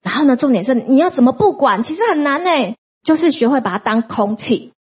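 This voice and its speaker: A woman preacher with a breathy, husky edge and a somewhat high pitch teaches her congregation through her own testimony. She talks emphatically and acts out loud commands against sickness. The recording sounds muffled and lo-fi. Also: expressive, a little fast. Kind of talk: sermon teaching with personal testimony.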